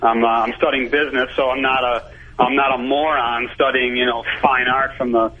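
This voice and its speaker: A man's voice: mid-range voice, level tone, normal speed, a little hiss or hum. A man in his twenties calling in to a radio show, sounding like he is on speakerphone, talking casually and hesitantly with lots of restarts. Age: 20s. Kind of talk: call-in radio chat. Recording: tinny phone line.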